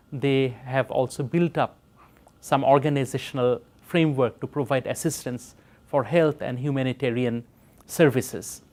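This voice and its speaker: Middle-aged man from Bangladesh, interview, earnest measured delivery, mid-range voice, pauses and fillers. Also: mid-range voice, a little mellow. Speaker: professor giving an interview. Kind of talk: reflective interview talk.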